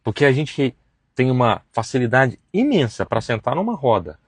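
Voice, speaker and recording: Guy preaching hard, husky gravelly voice, dry sound. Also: mid-range voice, sing-song, moderate pace, dry recording. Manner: emphatic, acts out gossiping voices with slangy asides. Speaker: host of a faith and business live stream. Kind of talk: preachy motivational talk.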